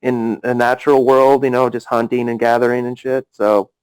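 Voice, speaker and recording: A man with a mid-pitched voice hosts a loose online voice chat. He rambles, leans on "you know" and other fillers, and keeps cutting in over the others. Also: level tone, normal speed, darkish tone, smooth, poor audio. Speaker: voice chat host. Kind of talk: casual argumentative chat.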